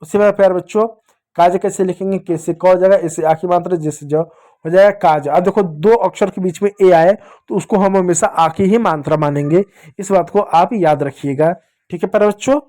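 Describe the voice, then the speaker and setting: High-voiced man teaching small children. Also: fairly quick, warm tone. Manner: patient, repetitive, asks questions and answers them himself. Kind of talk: classroom lesson for young children.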